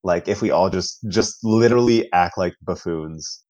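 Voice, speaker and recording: A man's voice: sits low, moderate pace, darkish tone, dry recording, dull audio. A man in casual chat, reacting playfully and joking with laughter.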